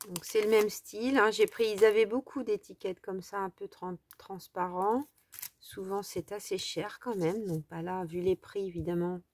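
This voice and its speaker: Casting note: woman, mid-pitched, chatty haul vlogger, easily delighted, lots of fillers. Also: fairly even intonation, normal speed. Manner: chatty, enthusiastic about small items, lots of fillers. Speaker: craft vlogger showing a haul. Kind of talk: casual haul vlog, showing items to camera.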